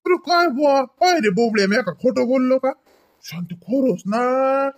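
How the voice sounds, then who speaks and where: A man voices a playful older village husband and father in a comedy cartoon, using a very high-pitched, lively, heavily acted delivery at a measured pace. His Varhadi Marathi accent from Vidarbha shapes folksy, rambling talk that sounds amazed and mock-complaining.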